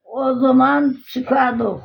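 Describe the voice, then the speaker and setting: Slow, creaky elderly village woman. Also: sits high, steady tone, a little hiss or hum. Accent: rural Turkish, Yörük village dialect. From rural Turkey. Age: older. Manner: earthy, repeats phrases. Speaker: village elder being interviewed. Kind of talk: informal oral storytelling. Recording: echoey, dull lo-fi recording.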